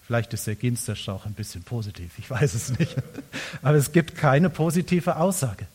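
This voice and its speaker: Emphatic German-speaking pastor preaching. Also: male voice, expressive, normal speed, slightly rough. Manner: emphatic, swinging between loud insistence and hushed lows. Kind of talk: sermon.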